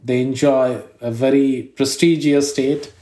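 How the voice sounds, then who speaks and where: Bengali accent guy, mellow dark voice, slow thoughtful interview talk, echoey room. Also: medium pitch, steady tone. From India, Kolkata. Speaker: interviewee, scientist. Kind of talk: reflective interview answer. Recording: roomy echo.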